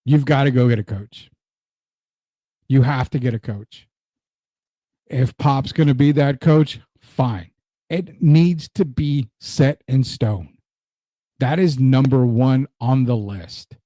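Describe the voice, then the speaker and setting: Slow and dark-toned, with long pauses, a medium-pitched Spanish speaker from Puerto Rico runs a casual sports talk show. He's emphatic, repeating his points and reading out comments from viewers, and there's no room sound.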